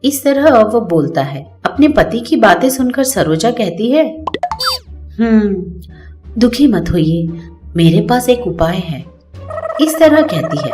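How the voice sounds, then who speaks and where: A woman narrating a cartoon moral story in a steady, plain storytelling manner. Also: mid-range voice.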